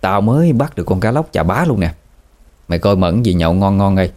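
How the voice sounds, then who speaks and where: A man's voice: low voice, fairly quick, darkish tone, close to an everyday voice. A man voicing a jovial rural man in his thirties who boasts and teases, with a Southern Vietnamese accent. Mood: cheerful. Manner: boastful, teasing banter.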